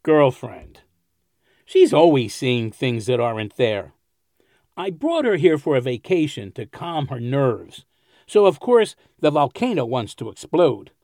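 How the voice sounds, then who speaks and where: A man's voice: medium pitch, sing-song, a little slow, a little mellow, dry recording, studio quality. A man playing a chatty, wry neighbor. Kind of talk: audio drama acting.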